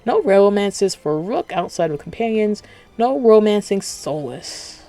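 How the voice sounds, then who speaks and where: A man's voice: high-pitched, animated, unhurried, mellow. A man streaming casual reaction commentary, rambling and profane, talking with dental retainers in late at night. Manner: rambling, profane, self-interrupting.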